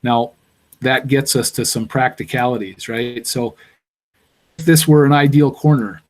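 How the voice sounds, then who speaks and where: A man's voice: mid-range voice, fairly even intonation, unhurried. A man giving a university engineering lecture, explaining step by step and thinking aloud with fillers.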